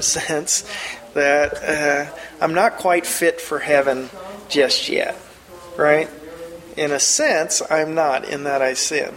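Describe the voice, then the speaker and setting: A man leads a Bible study class with a slightly high, gravelly voice. He explains step by step and often restarts mid-phrase. Now and then he puts questions straight to his listeners. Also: fairly bright tone, rough recording.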